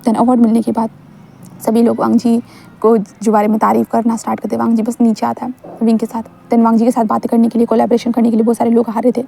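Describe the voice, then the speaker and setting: A woman's voice: on the high side, completely flat delivery, quick pace, creaky, mellow. A woman casually narrating a fan-fiction story and chatting directly to her listeners.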